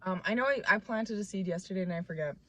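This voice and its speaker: A woman's voice: mid-range voice, fast, no echo. A woman in her twenties chatting casually to the camera at home, rambling and restarting her thoughts with many fillers, playful and self-mocking. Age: 20s. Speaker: vlogger.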